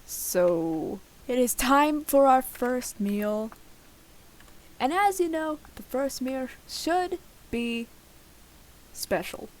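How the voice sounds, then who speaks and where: Her voice high-pitched and expressive, a young woman speaks extremely slowly and pauses often as she plays a survival game at home late at night. She's a gaming video host offering rambling, self-deprecating Let's Play commentary.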